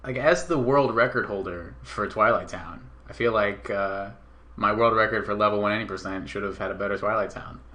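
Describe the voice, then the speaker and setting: A man's voice: on the low side, fairly quick, pushed and bright. A man commenting casually on a game speedrun, joking and bragging about his own records.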